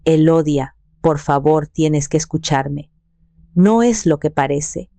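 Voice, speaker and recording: A woman's voice: low voice, slow, creaky, dark tone, dry recording, exaggerated voice. A woman voicing a man who is an arrogant husband caught in a lie, defensive and stammering. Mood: pleading.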